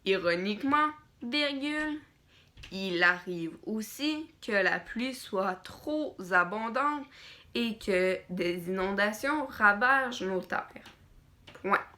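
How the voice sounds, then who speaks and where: Bright-voiced woman dictating slowly. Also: medium pitch, lively intonation. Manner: deliberate, repeats phrases and speaks punctuation aloud. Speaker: teacher. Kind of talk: dictating a school text phrase by phrase.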